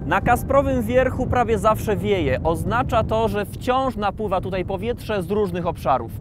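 A man in his thirties presenting a science video, explaining things in clear scripted narration. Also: high-pitched, moderate pace. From Poland. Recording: music bed under the voice.

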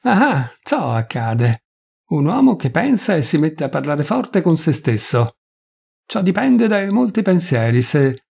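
A man's voice: on the high side, very animated, measured pace, vocal fry, a little mellow, slightly rough, full character voice. Man doing a rambling chatty coachman. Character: chatty talkative male coachman.

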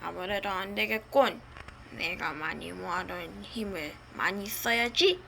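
A woman voicing a menacing male dark lord in an amateur cartoon story. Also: medium pitch, a little slow, creaky, a little hiss or hum, voice pushed down. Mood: threatening.

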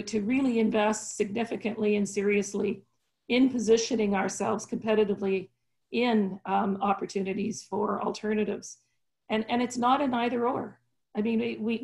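A woman in her sixties, speaking on a panel over a video call from a home office, measured and earnest with many fillers. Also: medium pitch, creaky, darkish tone. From Canada.

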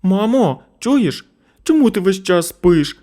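A man's voice: sits high, big pitch swings, takes it slowly, warm tone, voice pushed up, exaggerated voice. Man doing a whiny little boy. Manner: capricious, pestering. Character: whiny three-year-old boy, demanding. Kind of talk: storybook narration.

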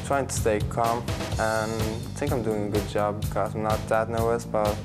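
18-year-old man, flat and gravelly. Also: on the low side, moderate pace. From Norway. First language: Norwegian. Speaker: poker player. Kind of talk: short interview clip. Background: loud guitar music.

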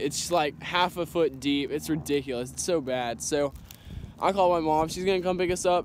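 A teenage boy from Texas vlogging a fishing trip, excitable and full of dude and bro, recorded outdoors by suburban ponds on an action camera. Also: a little high, slight background noise. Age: teens. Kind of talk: casual vlog. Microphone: handheld or body-mounted action camera.

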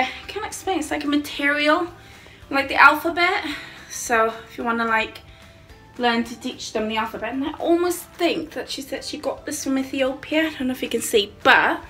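A home cleaning vlogger in her thirties from the United Kingdom rambles casually to her phone camera while tidying her small home's bedroom and hallway, adding friendly asides to viewers. She holds the camera at arm's length, her voice high, fairly bright and at normal speed, with faint music behind.

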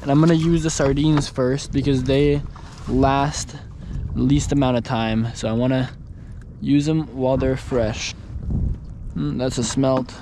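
A young man on a kayak out at sea, talking through his fishing setup in a relaxed, instructive way, recorded on an action camera. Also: medium pitch, measured pace, background noise. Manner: relaxed, instructional, talks while handling gear. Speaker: fishing vlogger. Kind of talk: casual outdoor explanation. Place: kayak on open ocean, outdoors. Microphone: action camera on a mount.

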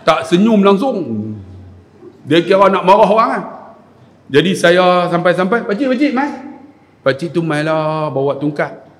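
A man with a Kedah accent giving a mosque lecture, telling stories and acting out shouted scenes. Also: high voice, a little slow. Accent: Kedah Malay. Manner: animated, acts out scenes with shouted voices. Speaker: religious lecturer (ustaz). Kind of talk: sermon with humorous storytelling. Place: mosque hall. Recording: echoey mosque hall.

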